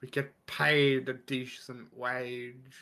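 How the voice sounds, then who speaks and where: A man's voice: medium pitch, level tone, slow, bright, forceful tone, clean tone. A man voicing a wary, indifferent orc guard in a tabletop game, blunt and guarded. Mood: wary, resigned.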